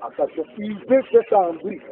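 A man's voice: high voice, lively intonation, moderate pace, noisy background. A man preaching a sermon on deliverance, emphatic and repetitive. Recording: tinny phone-like recording.

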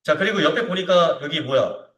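An echoey recording from a far-off microphone captures a male CAD instructor teaching a hands-on software lesson. His voice is fairly high and animated, his delivery brisk, and he informally checks understanding with frequent short tag questions.

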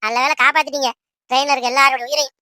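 A woman's voice: high voice, steady tone, rapid-fire, very noisy, close to an everyday voice. A woman voicing a chatty young village woman in a comedy cartoon, who talks in an eager, pleading way. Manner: pleading, rustic village speech.

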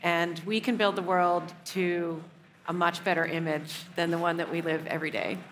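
A woman's voice: on the low side, little pitch movement, normal speed, a little hiss or hum. Assured woman, game studio head. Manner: fluent, assured. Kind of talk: live stage panel discussion. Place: large indoor event stage. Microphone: headset mic.

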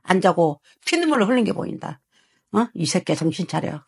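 A woman's voice: lowish voice, very animated, brisk, creaky, a little mellow, husky, no echo, clean studio sound. A woman fortune teller harshly scolding a client, swearing and prodding him with rhetorical questions. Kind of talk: heated consultation with a client.

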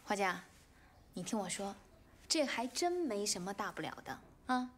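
Actress playing a sharp-tongued veteran actress. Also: female voice, mid-range voice, big pitch swings, moderate pace, a little hiss or hum, close to an everyday voice. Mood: coaxing. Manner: cutting, quarrelsome. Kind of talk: film drama acting.

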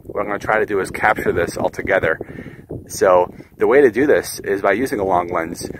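A man's voice: fairly low pitch, background noise. A man in his thirties explaining his landscape photography as he hikes a desert mountain trail, filmed with a camera held at arm's length. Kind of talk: casual vlog narration while hiking.

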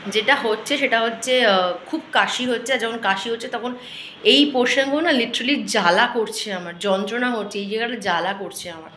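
A woman talks casually to her viewers in a daily vlog, showing her kitchen as she goes. Her nose is stuffed up and her throat is sore from a cold. The room echoes around her, and there is a faint hum of noise behind her. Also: fairly high pitch. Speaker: vlogger. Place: home kitchen. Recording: roomy echo, faint background noise.

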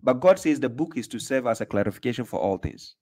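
A man's voice: medium pitch, lively intonation, fast, a little mellow. A man hosting a live call-in religious debate stream, pressing his caller with repeated questions. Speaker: livestream host. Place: small room indoors.

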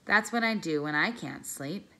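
A woman voicing a wise, caring old female elephant in a children's story read aloud, soft and patient. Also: low voice, lively intonation, moderate pace, creaky, heavily acted. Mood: gentle. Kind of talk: reading a children's novel aloud.

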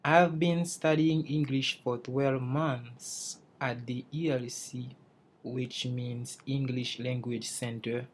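A young Haitian man learning English gives a careful class presentation over slides, restarting phrases as he searches for words. His medium-pitched voice is steady in tone, and he takes it slowly.

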